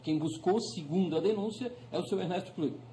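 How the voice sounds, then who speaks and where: A man's voice: sits high, quick pace, crowd noise, poor audio. A man with a Brazilian Portuguese accent presiding over a hearing, interrupting insistently with frequent restarts. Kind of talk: formal courtroom exchange.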